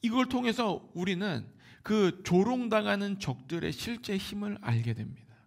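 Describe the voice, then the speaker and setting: A man with a Seoul Korean accent preaching a Sunday sermon, moving between hushed near-whispers and loud exclamations. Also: sits high, animated, normal speed, gravelly. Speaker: pastor.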